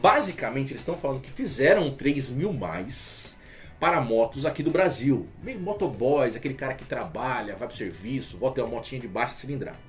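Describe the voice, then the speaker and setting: A man's voice: mid-range voice, expressive, soft background music. Chatty Brazilian man explaining motor oil. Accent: Brazilian Portuguese. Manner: chatty, explanatory, reads aloud haltingly with restarts. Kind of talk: casual talk to camera.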